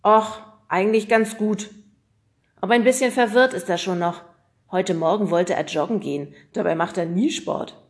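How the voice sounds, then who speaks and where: A woman's voice: mid-range voice, normal speed, lightly acted. A woman voicing a shy, nervous schoolboy who stammers. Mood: chatty.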